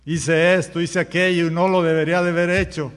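A man's voice: fairly high pitch, flat delivery, a little fast, a bit bright, long reverb tail. A man preaching a sermon as pastor, firing rhetorical questions at the congregation and acting out common sayings. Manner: acts out everyday sayings in quoted voices.

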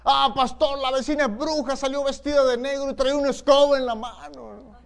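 A man playing a frightened churchwoman who is convinced her neighbor is a witch, speaking in a shrill, agitated, pleading voice. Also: steady tone, fairly quick, vocal fry. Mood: alarmed pleading.

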